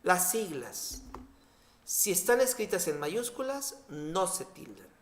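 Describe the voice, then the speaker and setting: A man with a Mexican Spanish accent, explaining spelling rules in a clear, deliberate scripted lesson. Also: high-pitched, big pitch swings, echoey room, slight background noise. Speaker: spelling teacher.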